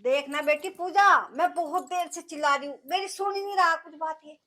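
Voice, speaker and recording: A woman's voice: extremely high pitch, fairly quick, fairly bright tone. An actress playing a nagging village mother-in-law with a Haryanvi accent, scolding her son.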